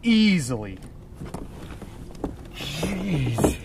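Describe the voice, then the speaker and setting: A man's voice: on the high side, sing-song, very slow, creaky, darkish tone, slight background noise. A man filming himself fishing from a kayak on a lake, exclaiming in disbelief and whooping over his catches. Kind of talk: excited fishing vlog commentary.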